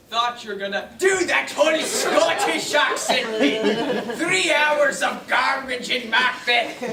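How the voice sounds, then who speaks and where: Student as a sarcastic playwright rival, slow and sing-song, from far off in an echoey hall with a laughing audience. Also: sits high. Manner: sarcastic, drawn-out delivery. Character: snide young playwright, witty and mocking. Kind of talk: high school stage comedy. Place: school auditorium stage. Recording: distant stage mic, echoey hall, crowd laughter.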